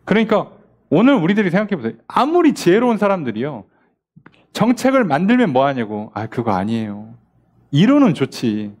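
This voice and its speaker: A man's voice: high-pitched, huge pitch swings, fairly quick, darkish tone. A man, a pastor, teaching a midweek Bible study in a conversational preaching style, firing off rhetorical questions and acting out little quoted exchanges.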